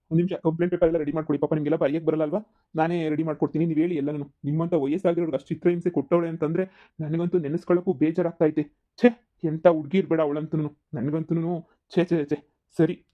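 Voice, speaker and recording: A man's voice: on the high side, steady tone, fast talker, muffled recording, natural voice. A man voicing a soothing cartoon police officer. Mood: sympathetic. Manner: soothing, reassuring, matter-of-fact. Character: patient, sympathetic police officer, adult man. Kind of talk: cartoon comedy voice acting.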